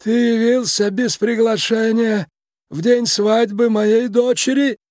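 Guy doing a creaky little shrew mob boss, high squeaky voice, slow cold threats, dry close sound, storybook. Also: steady tone, a little mellow, no room sound. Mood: cold menace. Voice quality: creaky, commanding. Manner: slow, drawn-out menace. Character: tiny elderly male shrew crime boss, commanding, cold. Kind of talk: storybook reading.

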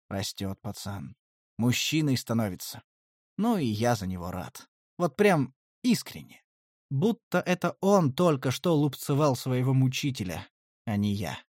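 A man's voice: medium pitch, no echo, studio quality. A man narrating a first-person fantasy audiobook in a wry, conversational way.

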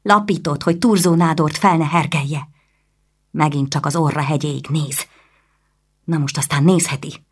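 A woman voicing a fiery fourteen-year-old noble girl, with indignant, fast outbursts, in a storybook reading. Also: sits low, steady tone, husky, voice pushed up.

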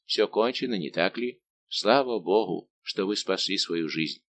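A man voicing a middle-aged male grocer and former soldier, speaking in a soft, hushed way. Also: low-pitched, animated, a little slow, slight background noise, exaggerated voice. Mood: anxious.

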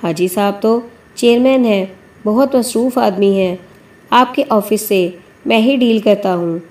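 A woman reading a courteous, wary retired army officer in a mellow audiobook read. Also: mid-range voice, natural voice. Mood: guarded. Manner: courteous and guarded. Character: retired army major, polite and cautious company officer.

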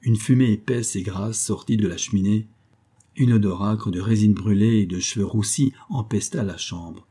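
A man narrating a translated classic short story in a steady, measured way. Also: lowish voice, husky. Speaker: audiobook narrator. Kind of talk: scripted narration.

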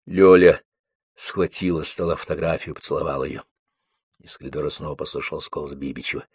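A man reading the stage directions of a play in a calm, low-key way. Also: brisk, breathy edge. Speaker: audiobook reader. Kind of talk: scripted narration of a play.

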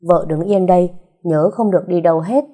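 A woman reading aloud, voicing a devoted young husband who speaks gently and reassuringly. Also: on the low side, a little fast, close to an everyday voice. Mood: urgent.

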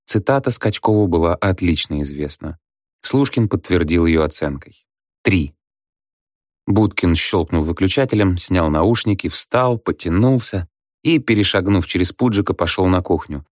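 Male narrator, deep voice, dead-dry booth sound, measured audiobook reading. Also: no echo. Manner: dry, even, low reading.

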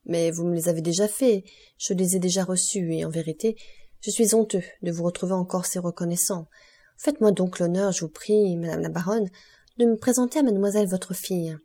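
A woman voicing a composed, courteous middle-aged count in an audiobook, measured and polite. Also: fairly low pitch, dark tone. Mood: courtly.

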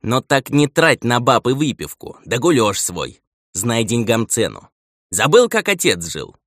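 A crusty old steward, patient until he snaps into a stern scolding, as a male narrator puts him on. The delivery swings widely in pitch and sits in a dry, close sound. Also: wildly swooping pitch, unhurried, fairly bright tone, no echo, exaggerated voice. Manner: nagging, lecturing elder.

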